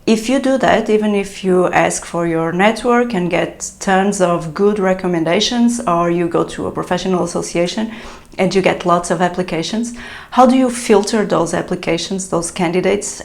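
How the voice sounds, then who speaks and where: With a fairly low, creaky voice, a woman gives business advice in a casual solo vlog, speaking to the camera. She's a translator and a native speaker of European Portuguese, and her tips come with lots of fillers and restarts.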